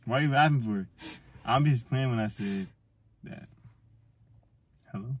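A man's voice: medium pitch, measured pace, breathy edge, no room sound. A man hosting a vlog, teasing and rambling jokily through a blindfolded date skit. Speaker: vlog host.

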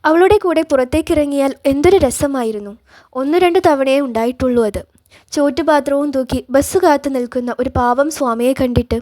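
High-voiced woman reading a novel. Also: fairly quick, dark tone, no room sound. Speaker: narrator.

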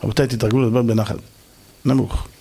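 Animated rabbi giving a sermon. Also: male voice, on the high side. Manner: animated, mimics shouting and soft calm voices for effect; asks the audience questions and answers them himself. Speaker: rabbi giving a Torah lesson. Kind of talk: lively sermon to a live audience.

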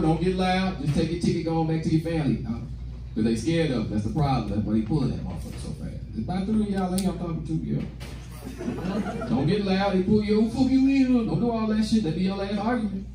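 Here a young American man with a high-sitting voice and lively intonation rattles through a stand-up set, conversational, slangy and full of profanity, playing out bits of dialogue. The setting is a small indoor comedy club stage, his handheld mic picked up from a far-off camera. Expect echo, loud crowd noise, laughter and general room sound.

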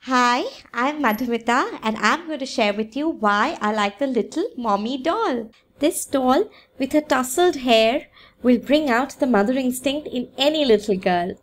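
A woman presenting a scripted toy review, reading her lines in an even, recited way. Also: high voice, a little hiss or hum.

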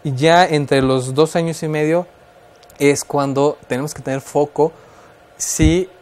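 A man's voice: a little high, fairly even intonation, a little slow, darkish tone. A man with a Mexican Spanish accent, talking as an expert guest on a radio show and explaining child development in a thoughtful way, with fillers and restarts.

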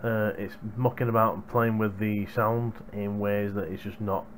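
Speaking at a moderate pace with a flat, lowish voice, this young adult hardware reviewer chats casually to his viewers. He records indoors in a small home room through a headset boom microphone, and a little background noise comes through.

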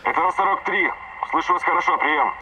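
A brisk male squad leader answers over a military radio with quick acknowledgements. His voice is fast and somewhat high, and clear static hiss runs under it. This is radio chatter in a game. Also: sharp tone. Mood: brisk acknowledging. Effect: military radio transmission. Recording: noisy radio channel with static.

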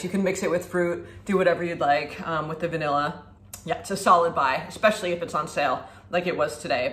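A food vlogger in her thirties, with a fairly low-pitched voice, chats upbeat about food while demonstrating it in her home kitchen. A camera a few feet away captures her standing at the counter for this casual product review. The echoey room carries faint ambience and slight background noise.

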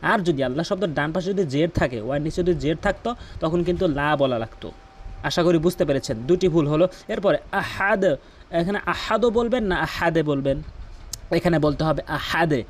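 A man teaching Quran pronunciation in a patient way, repeating words slowly so the viewer can copy them. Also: fairly high pitch. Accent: Bangladeshi Bengali.

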